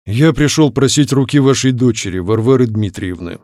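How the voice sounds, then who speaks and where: A man's voice: medium pitch, animated, moderate pace, a little mellow, no room sound, clean studio sound, close to an everyday voice. A man reading an audiobook, voicing a bold young suitor who speaks firmly and formally. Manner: firm and formal.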